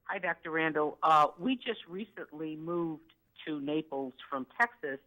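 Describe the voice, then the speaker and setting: Bright-voiced older woman caller. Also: low voice, lively intonation, unhurried, low-quality recording. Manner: polite, hesitant, uses "uh" and "yes, sir".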